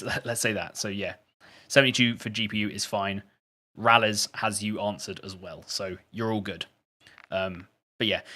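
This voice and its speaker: A man's voice: on the low side, sharp tone. A man chatting casually on a live stream, reading out and answering viewer questions. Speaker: gaming streamer.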